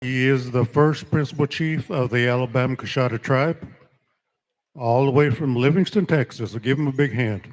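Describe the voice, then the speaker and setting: A man speaks as a powwow emcee in a medium-pitched voice. He announces honorees and calls people forward. His delivery is ceremonial and deliberate, with pauses between phrases. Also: rough recording.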